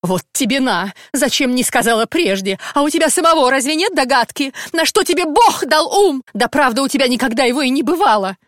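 A furious middle-aged wife shrieks and scolds her husband in a high, loud voice, played by a woman narrator. The storybook reading is close and dry. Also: expressive, brisk, hardly any pauses, dry recording.

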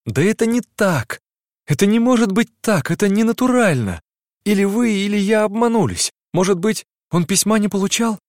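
A man's voice: high-pitched, lively intonation, normal speed, dry recording, pitched above the performer's own voice. Male reader doing a heartbroken young woman, tearful, impassioned, pleading, dry recording. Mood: distraught. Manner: impassioned, breathless outbursts. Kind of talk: audiobook dialogue reading.

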